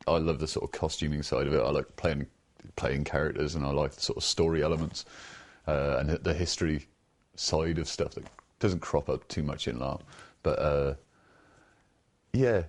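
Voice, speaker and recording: A man's voice: rumbling low, darkish tone. A man musing informally in a casual documentary interview about his hobby. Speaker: live role-play participant.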